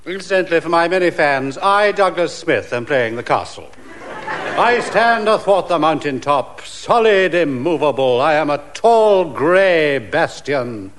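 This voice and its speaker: A vain, solid old castle come to life in a radio comedy. The voice is pompous and declaiming, a little high, with big swings of pitch, over clear noise. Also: male voice, animated, unhurried, a bit bright. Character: tall grey castle, solid, vain, self-important.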